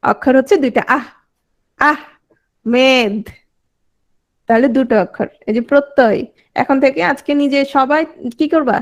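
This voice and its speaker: A woman teaches an online class in a high voice. She keeps putting questions to her students, then repeats their answers as she explains. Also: a little fast.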